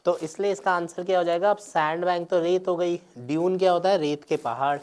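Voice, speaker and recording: A man's voice: sits high, brisk, a little mellow, smooth. Guy teacher going thru exam answers, hindi and mixed, keeps saying "right". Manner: explains step by step, mixing Hindi and English, with frequent check-ins. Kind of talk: exam paper explanation lecture.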